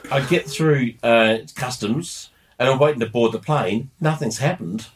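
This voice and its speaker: A middle-aged man telling a story on a podcast in a casual, animated way, laughing and restarting often. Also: mid-range voice, a little slow. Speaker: podcast co-host.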